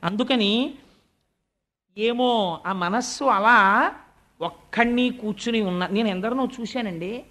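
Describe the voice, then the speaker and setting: A man with a notably high voice delivers a devotional sermon. He tells stories in a chatty way and turns to the audience with polite asides. He slips into the quoted voices of relatives and sages as he recounts the scripture. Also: slow pace, pauses often, pushed and bright. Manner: conversational storytelling with polite asides to listeners; acts out quoted speech of family members and sages. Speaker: spiritual discourse speaker.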